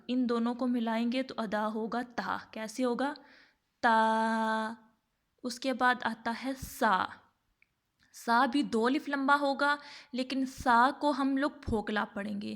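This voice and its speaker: A woman teaching a Quran reading lesson. She poses her own questions, answers them, and stretches each letter sound out slowly to demonstrate it. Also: a little high, a bit bright. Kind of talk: tajweed lesson.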